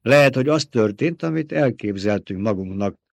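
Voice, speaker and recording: A nervous underling reports to his master with halting deference, as a male narrator voices him. The delivery is hesitant and humble, and the recording is dry and close. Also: on the low side, lively intonation, vocal fry, no room sound. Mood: deferential.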